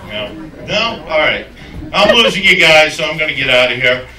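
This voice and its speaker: Rambling stand-up comic in an echoey club. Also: male voice, a little high, very animated, moderate pace, distant mic, noisy background. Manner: rambling, self-mocking, crude jokes. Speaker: stand-up comedian. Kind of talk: stand-up routine. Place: comedy club stage. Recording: roomy club sound from afar with crowd. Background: audience laughter.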